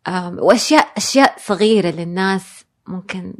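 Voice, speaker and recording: A woman's voice: medium pitch, lively intonation, fairly quick. A woman, a guest in a casual interview, speaking reflectively and dropping English phrases into her speech. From Saudi Arabia. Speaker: guest, designer and blogger.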